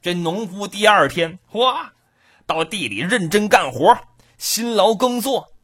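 Animated husky storyteller. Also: female voice, medium pitch, unhurried. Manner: animated, colloquial, punchy. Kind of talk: traditional oral storytelling.

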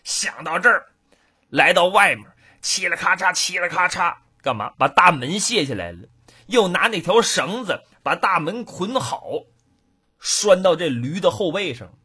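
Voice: medium pitch, sing-song, measured pace, bright, forceful tone, breathy edge. A performer telling a traditional comic folk tale, switching between narration and character voices.

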